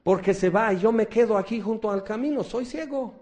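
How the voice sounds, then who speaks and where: A man's voice: fairly quick, darkish tone, lightly acted. A man acting out a desperate blind male beggar by the road. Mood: urgent. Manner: urgent, raised pitch.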